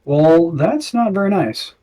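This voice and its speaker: A man with a somewhat high voice plays a tabletop game. He talks casually, reasoning out loud in a conversational way as a player among friends. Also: lively intonation, measured pace. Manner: thinks aloud.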